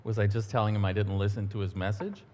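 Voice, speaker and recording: Middle-aged guy preaching casual, kinda low voice, lots of hall echo, tells stories w/ some ums. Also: fast talker. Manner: relaxed, storytelling, a few ums and asides. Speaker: church minister. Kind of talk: conversational sermon with announcements. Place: church sanctuary. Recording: long church-hall reverb.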